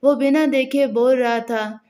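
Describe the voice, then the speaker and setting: A woman narrates a dramatic story in a fairly high voice. She reads the dialogue of every character without changing her voice much, keeping a steady storytelling delivery. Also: unhurried.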